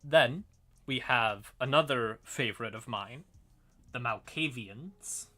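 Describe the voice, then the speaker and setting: The host speaks slowly in a medium-pitched, pushed, bright voice, sounding tired and yawning as he goes. He covers fantasy game lore on his livestream in a loose, sweary, apologetic style.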